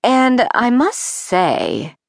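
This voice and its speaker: A calm, unflappable artist mother with a soft, measured voice that sits low and unhurried, as a woman narrator puts her on. She savors her words like a connoisseur. The sound is dry and close. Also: no room sound.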